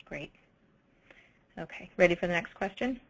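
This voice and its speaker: A woman with a fairly low voice runs the question session of a webinar. She reads out audience questions in a friendly, conversational way and thanks the expert after each answer. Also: expressive, moderate pace, slightly rough, rough recording. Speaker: webinar moderator. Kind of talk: webinar Q&A moderating.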